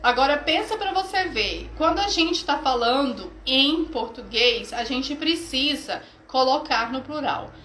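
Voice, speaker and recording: A woman's voice: high-pitched, lively intonation, measured pace, hardly any pauses, bright, forceful tone, reverberant, a little hiss or hum, poor audio. A woman teacher with a Brazilian accent, giving an enthusiastic, chatty live-streamed lesson and laughing often. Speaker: English teacher.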